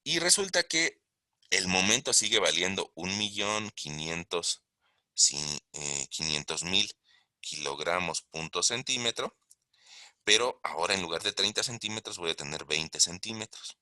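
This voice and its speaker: A man's voice: deep voice, lively intonation, measured pace, sharp tone, no echo, studio quality. A man giving a recorded online engineering lesson, explaining step by step and asking the class questions. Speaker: engineering lecturer. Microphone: close mic while writing on a tablet.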